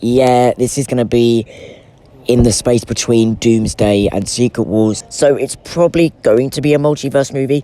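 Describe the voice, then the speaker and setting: A man delivers casual film news in a chatty, enthusiastic fan's manner. He speaks at a middling pitch, with a towel over his head to shield the microphone from wind. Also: darkish tone. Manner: chatty, enthusiastic fan talk. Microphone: microphone under a towel over his head, shielding it from wind.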